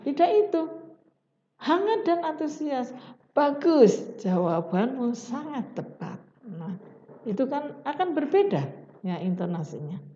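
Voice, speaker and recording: A woman's voice: high voice, warm tone. A woman giving a lecture on teaching skills, explaining step by step and acting out example teacher lines. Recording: dull roomy recording.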